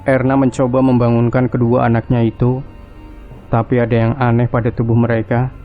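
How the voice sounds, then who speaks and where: A man narrating a scripted horror story in a hushed, creeping, suspenseful manner. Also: medium pitch, monotone, brisk, narrow, tinny audio, faint music behind.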